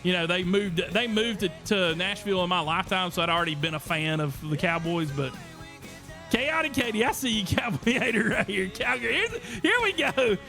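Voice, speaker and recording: A man's voice: sits high, brisk, soft background music. A man hosting a podcast livestream, talking energetically and reading out chat messages. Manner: energetic, reads chat aloud. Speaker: podcast host.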